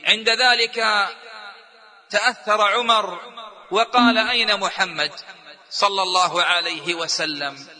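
A man preaching a sermon in emotional storytelling style, impassioned and rising toward near-shouting. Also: high-pitched, fairly even intonation, a little slow, long pauses, in a large hall.

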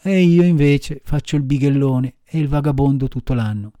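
A man voicing a lively, impulsive wooden puppet boy, raising his voice high for an audiobook reading. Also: normal speed, no echo, lightly acted. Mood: pleading. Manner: high excitable voice, jumping up for emphasis. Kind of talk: audiobook character voice.

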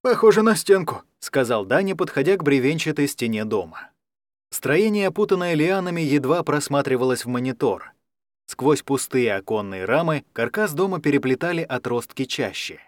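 A man narrating a science fiction story in an even, measured reading. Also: mid-range voice, no room sound, clean studio sound. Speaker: audiobook narrator.

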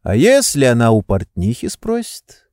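A nervous, flustered gentleman who keeps pressing for answers, as a narrator voices him. The voice sits somewhat raised, dark and mellow, with a lively pitch and a dry, close sound. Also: moderate pace, dry recording. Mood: anxious. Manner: nervous, impatient. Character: anxious, flustered young gentleman. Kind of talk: audiobook reading.

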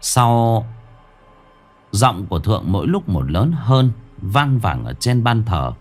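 Male horror narrator, low and expressive, suspenseful. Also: takes it slowly. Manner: dramatic, suspenseful storytelling. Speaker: storyteller.

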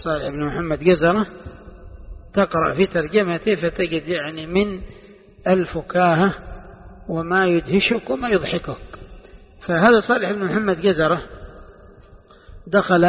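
Sheikh, a man lecturing and firing questions at students, high voice, phone-like sound. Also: slightly rough. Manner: quizzes the students with rhetorical questions. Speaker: sheikh teaching tafsir. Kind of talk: classroom lesson explaining a classical text. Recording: tinny lo-fi recording with long hall reverb.

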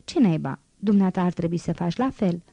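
A devoted old gardener chatters away with a dark, warm tone, as a woman reader puts him on. The reading is close and dry. He sounds humble and eager to help. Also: lowish voice, expressive, gravelly, no room sound, lo-fi sound. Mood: chatty.

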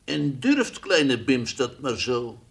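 A man voicing a playful, fussy toy lion in an old radio play, teasing at times and gently coaxing at others. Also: medium pitch, very animated, takes it slowly, creaky, breathy edge, heavily acted. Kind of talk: 1960s radio drama acting.

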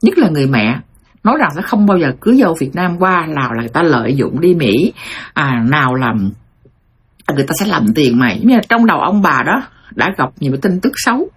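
A middle-aged woman hosting a show, retelling a listener's life story to her audience in a lively storytelling monologue. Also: sits low, fast talker, husky. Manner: addresses audience as "thưa quý vị", animated retelling.

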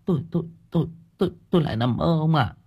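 A man's voice: on the low side, very animated, moderate pace, creaky, breathy edge, lo-fi sound, full character voice. A man voicing a frightened older village wife who stammers and trembles as she speaks in an audio story. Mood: terrified stammering.

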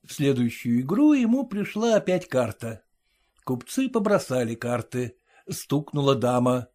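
A man's voice: mid-range voice, sing-song, unhurried, dark tone. Man reading a classic story aloud. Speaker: reader.

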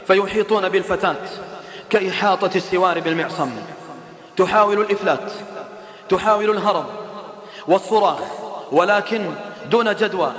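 High-voiced impassioned male preacher, echoey hall. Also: fairly bright tone. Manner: impassioned, rhetorical questions to the listeners. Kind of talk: sermon.

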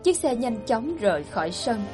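A woman reads a story aloud as a channel's storyteller, in a steady, even manner. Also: fairly high pitch, normal speed, music in the background. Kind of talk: scripted audiobook narration.

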